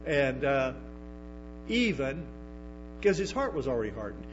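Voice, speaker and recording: A medium-pitched male pastor speaks a little slowly, his voice making big pitch swings as he preaches to the congregation. He stumbles into restarts and emphatic asides, and the sermon is a dull lo-fi recording with music and hum.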